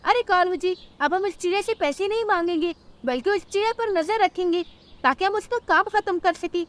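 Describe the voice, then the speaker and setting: A woman's voice: very high-pitched, fairly quick. A woman voicing a scheming, greedy female crow in a cartoon, whining and haughty by turns. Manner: whining, then haughty and scornful.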